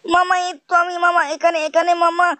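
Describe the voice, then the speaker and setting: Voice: extremely high pitch, monotone, fast, pushed and bright, dry recording, voice pushed up. A gamer voicing a whiny little cartoon boy nephew who pleads with his uncle in every sentence. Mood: eager. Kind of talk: cartoon voice over gameplay.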